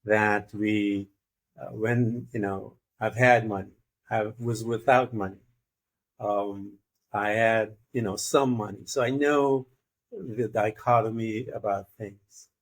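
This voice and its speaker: A man's voice: on the low side, fairly even intonation, takes it slowly. A man from Guyana hosting an interview, talking in a thoughtful, meandering way with many fillers. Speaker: interview host. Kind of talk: casual interview conversation.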